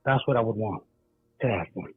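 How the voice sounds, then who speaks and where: A man's voice: on the low side, brisk, husky, no room sound. A man calling in to a radio talk show, heard muffled as if through a wall, talking in an earnest, preachy way. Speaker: caller. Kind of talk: call-in radio chat. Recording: muffled tinny phone line.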